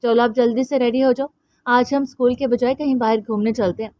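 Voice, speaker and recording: A woman voicing a doting young uncle who speaks gently and coaxingly to his nephew. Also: on the high side, steady tone, a little fast, no echo, highs cut off, close to an everyday voice. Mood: fond.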